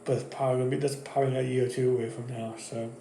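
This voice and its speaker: A man talks through his wrestling picks in a casual, rambling monologue, stopping and restarting his sentences often. His voice is mellow and dark. The recording has a roomy echo with a faint background hum. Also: mid-range voice, little pitch movement, rapid-fire, vocal fry. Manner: rambling, with many fillers and restarts. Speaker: wrestling channel host. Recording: echoey room.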